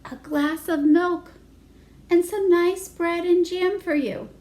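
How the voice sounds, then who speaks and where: A woman voicing a calm, kindly, patient mother in a children's picture book. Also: extremely high pitch, slow pace, voice pushed up. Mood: coaxing.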